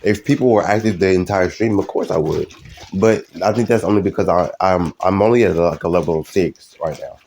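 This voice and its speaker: A young man chats loosely with his live-stream viewers, his voice sitting very low. He rambles and hesitates, circling back through fillers and restarts as he goes. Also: a little fast, darkish tone, a little hiss or hum.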